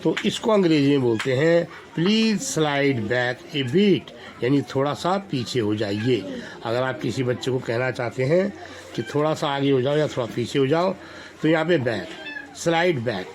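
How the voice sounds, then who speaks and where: A male schoolteacher leading a classroom speaking lesson for young children, slowly repeating each phrase and quizzing the class. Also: medium pitch, expressive, a little mellow. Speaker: school teacher.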